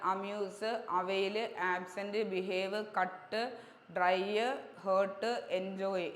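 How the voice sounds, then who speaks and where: A woman English grammar teacher, drilling points over and over and checking understanding with quick questions. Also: medium pitch. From Kerala, India. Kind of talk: exam-prep grammar lesson. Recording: echoey room with long reverb, faint hiss.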